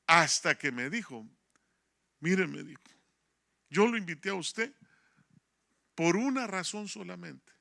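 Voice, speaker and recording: A man's voice: high voice, takes it slowly, vocal fry, long pauses. A man preaching a sermon as a pastor, telling a personal story, acting out dialogue and calling listeners "brother". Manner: storytelling, animated, acts out dialogue, addresses listeners as hermano.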